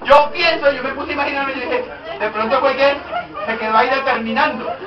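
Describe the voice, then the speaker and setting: Brisk and very high-voiced, the preacher jokes his way through a humorous sermon, asking his congregation questions as he goes. A loud crowd can be heard, and the audio sounds dull. The hall is echoey and the mic sits at a distance.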